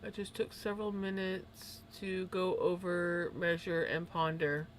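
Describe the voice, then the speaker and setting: A woman's voice: fairly low pitch, flat delivery, unhurried, a little hiss or hum. A woman streaming her knitting, chatting casually with viewers in a chatty, self-deprecating way. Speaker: crafting streamer. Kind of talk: casual chat while knitting.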